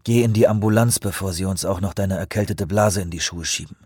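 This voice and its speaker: Narrator doing a grumpy guy who mutters short unfriendly lines, low husky voice. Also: fairly quick, a little mellow, no room sound, clean studio sound. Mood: curt. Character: gruff, irritable adult man, a whale researcher.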